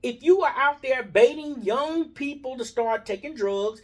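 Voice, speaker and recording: A man's voice: very high-pitched, lively intonation, unhurried. An American man in a heated, casual barbershop debate, preaching his point argumentatively and repeating phrases for emphasis.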